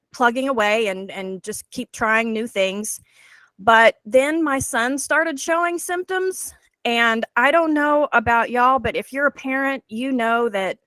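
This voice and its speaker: A woman's voice: medium pitch, a bit bright, no room sound. A woman in her forties, a guest presenter telling her personal story in an earnest, heartfelt way over a video call.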